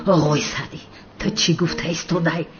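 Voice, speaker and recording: A woman's voice: sits low, steady tone, natural voice. An actress dubbing an anxious, fussing mother figure who dotes on the girls. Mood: fretful. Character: fretful older mother figure, doting. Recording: dull lo-fi with music.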